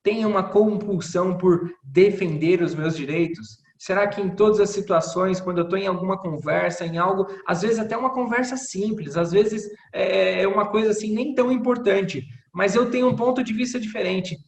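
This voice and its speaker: A man's voice: sits high, normal speed, few pauses, echoey room. A man teaching an online Bible class, speaking reflectively and asking many rhetorical questions. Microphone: video call.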